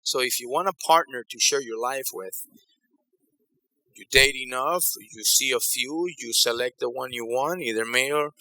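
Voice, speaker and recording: A man's voice: medium pitch, moderate pace, bright, forceful tone, no echo, rough recording. A man from Ecuador leading a conference breakout session on decision-making, talking conversationally and repeating phrases for emphasis. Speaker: workshop facilitator.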